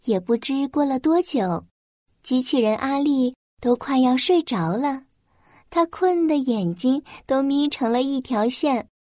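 A woman's voice: high-pitched, lively intonation, unhurried, dark tone, no room sound, clean studio sound. A woman reading a scripted children's story as its narrator.

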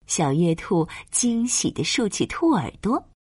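Breathy, expressive woman telling a bedtime story. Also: mid-range voice, dry recording, studio quality. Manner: gentle, dramatized, drawn-out phrasing. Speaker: storyteller, narrator. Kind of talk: bedtime storytelling for small children.

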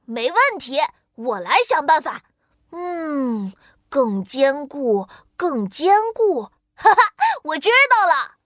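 A woman's voice: sits high, expressive, slow pace, no room sound, clean studio sound. A woman voicing a cheerful, clever little girl inventor in a children's audio story, eager and exclamatory. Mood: thinking, then excited.

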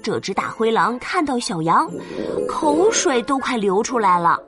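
A woman narrating a children's story as a mother, gentle, playful and expressive. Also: on the high side, normal speed. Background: children's music.

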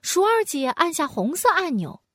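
A woman narrating a children's storybook in an animated, sing-song way, with playful sound words. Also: very high-pitched, moderate pace, no echo, studio quality.

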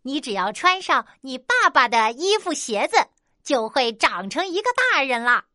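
A boastful little monkey, played by a woman in a storybook, high and bright with a lively sing-song swing. He sounds pleased with himself, in a dry, close sound. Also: moderate pace, no echo, heavily acted. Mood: smug. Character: smug clever little male monkey. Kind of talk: children's storybook voice acting.

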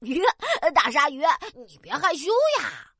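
A woman's voice: high voice, lively intonation, unhurried, creaky, bright, forceful tone, no echo, studio quality, full character voice. A woman voicing a small, cheerful pilot fish in a children's cartoon, chirpy and coaxing.

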